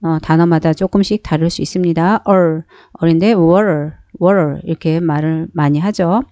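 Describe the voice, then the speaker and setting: A woman's voice: lowish voice, steady tone, moderate pace, mellow, dry recording. A woman teaching a beginner phonics lesson, explaining each sound step by step and repeating every word several times. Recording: dull, dry sound.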